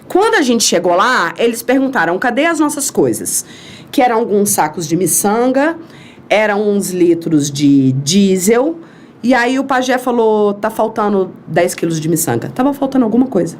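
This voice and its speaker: As a podcast guest, a Brazilian woman tells a long story in an interview, animatedly acting out the voices and quoted dialogue. Her voice sits fairly low, with slight background noise.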